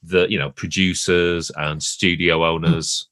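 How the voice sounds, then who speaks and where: Lower-voiced man, halting podcast talk. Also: level tone, fairly bright tone, clean tone, dry recording. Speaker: podcast co-host. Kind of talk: casual podcast chat.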